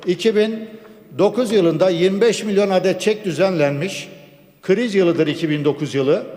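A man delivering a formal parliamentary speech from a rostrum microphone, measured and stacking up laws, dates and figures. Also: high-pitched, a little mellow. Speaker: member of parliament. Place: speaking at a parliament rostrum microphone in a large chamber. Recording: long hall reverb.

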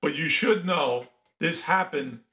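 A man in his fifties, born in Iran and a native Persian speaker, telling lively anecdotes as a podcast guest. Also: a little high, takes it slowly. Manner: animated anecdotes with laughter and acted-out quotes. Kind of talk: casual storytelling interview.

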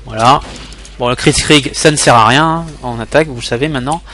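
A man's voice: mid-range voice, fairly quick, sharp tone. A young man from France talking through gameplay as a tutorial host, rambling with many fillers and restarts. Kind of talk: casual gameplay commentary tutorial.

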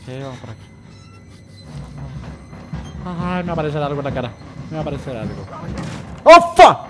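A man's voice: fairly high pitch, fast, music in the background. A man giving casual let's-play commentary on a horror game, talking himself through each move and yelping when he gets scared. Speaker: gamer playing a horror game.

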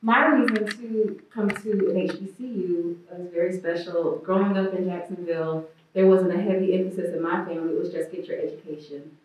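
A woman's voice: on the low side, steady tone, a little fast, a little mellow. A woman answering on a panel in an earnest, reflective way. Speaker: student panelist. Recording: phone-like, distant and echoey.

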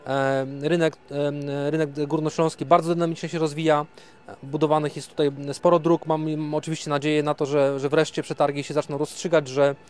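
A man's voice: on the high side, little pitch movement, a little fast, a little mellow, clean tone. A man in his thirties speaking as a company representative in an outdoor trade fair interview, hesitant with many fillers and restarts, into a handheld mic. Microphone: handheld reporter mic.

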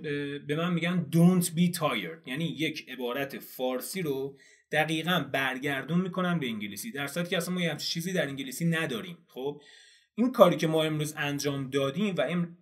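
Man explaining a study method, slightly high voice. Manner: explains step by step, asks and answers own questions. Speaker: English teacher. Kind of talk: video lesson.

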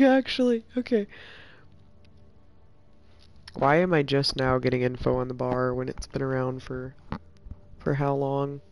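A woman's voice: extremely low pitch, a little mellow. A woman commenting casually as she plays a story game, blunt and swearing, cracking jokes. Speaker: streamer playing a game. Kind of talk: casual let's play commentary.

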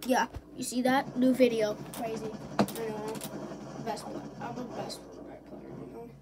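A woman's voice: a little high, very animated, measured pace, creaky. A woman giving rambling, silly commentary while playing a video game. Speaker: gaming video creator. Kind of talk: gameplay commentary. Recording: noisy background.

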